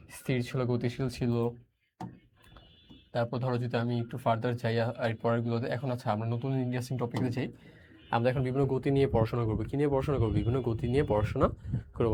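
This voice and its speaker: Brief: young male tutor, mid-pitched voice, teaches by drilling repeated questions. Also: darkish tone. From Bangladesh. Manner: repeats questions and answers, mixes English words into speech. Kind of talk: online physics lesson.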